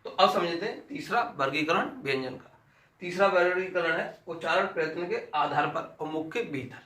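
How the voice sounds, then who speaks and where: A man's voice: on the high side, moderate pace, sharp tone, reverberant. A man teaching an exam-prep grammar lesson, repeating sounds aloud and asking and answering his own questions.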